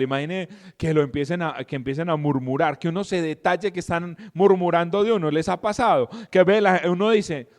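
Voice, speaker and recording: A middle-aged man explains scripture in a lively, conversational way, checking in with his listeners through constant rhetorical questions. His voice sits slightly high for a man, and a long reverb trails each phrase. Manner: animated, asks the listeners frequent rhetorical questions. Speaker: Bible teacher and podcast host. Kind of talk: conversational Bible teaching.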